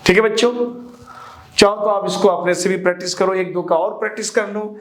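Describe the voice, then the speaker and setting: A man's voice: high-pitched, fairly even intonation, brisk, fairly bright tone. A man teaching chemistry to students in a lecture, asking rhetorical questions, repeating the answers and calling his students children. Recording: echoey room.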